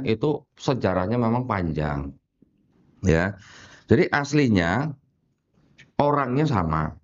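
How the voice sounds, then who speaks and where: A man in a casual talk, explaining at length to a woman listener, with jokes and frequent laughs. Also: medium pitch. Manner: chatty, jokey asides with frequent laughs, many fillers like gitu; addresses a woman listener often as "Bu". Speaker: podcast host explaining religion. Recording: slightly dull lo-fi sound.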